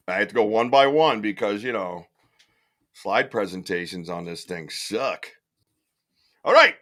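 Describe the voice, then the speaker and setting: A man hosting a casual live stream, chatty and excitable, laughing often and swearing casually. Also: lowish voice. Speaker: podcast host on a live stream.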